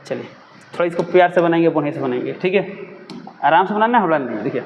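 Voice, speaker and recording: Quick, high-voiced teacher. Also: male voice, animated, in a large hall, dull audio, a little hiss or hum. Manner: repeats his own questions and answers them. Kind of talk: classroom chemistry lesson.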